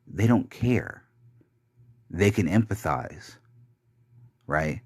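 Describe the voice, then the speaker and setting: A young man's low, deep, husky voice carries lively intonation as he gives a bitter, rambling confessional monologue into his podcast mic. The dry, close recording has no room sound, and he swears often while stumbling haltingly through fillers and restarts.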